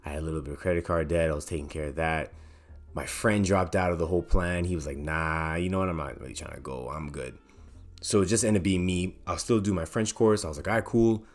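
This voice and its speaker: A young man from Canada hosting a podcast, telling a personal story in a lively way and acting out the voices of the people he quotes. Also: sits low, quick pace, soft background music. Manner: animated, acts out quoted voices. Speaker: podcast host.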